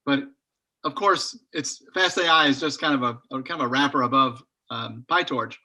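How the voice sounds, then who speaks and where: A man's voice: medium pitch, moderate pace, sharp tone. A man chatting casually in an online study group over a video call, rambling a little and thinking aloud as he goes.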